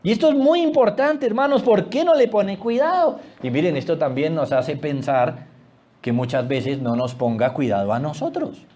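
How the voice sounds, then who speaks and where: High-voiced animated preacher man. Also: moderate pace. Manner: animated preaching, swings between loud exclamations and hushed low asides. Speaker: pastor. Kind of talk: sermon.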